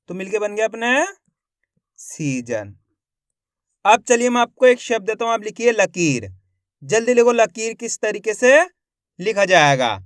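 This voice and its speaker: A man teaching Hindi reading in a slow spelling lesson, breaking words into syllables and blending them, quizzing the viewer and then answering himself. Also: high-pitched, a bit bright, clean tone, no room sound, clean studio sound.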